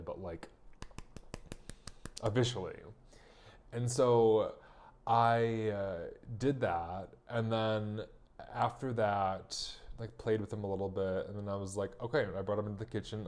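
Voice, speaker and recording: Young man, lowish voice, candid profane diary-style monologue with heavy fillers. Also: darkish tone. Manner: profane, rambling with many fillers. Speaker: vlogger recounting a personal story.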